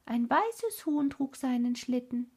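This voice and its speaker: A woman voicing cooing wood doves in a storybook reading, high and plaintive. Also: expressive, slow, a little mellow, slightly rough, full character voice.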